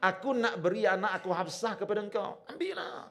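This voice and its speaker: A man with a Malaysian Malay accent, voicing an eager, insistent older father who keeps pressing an offer in a high, loud voice. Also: brisk.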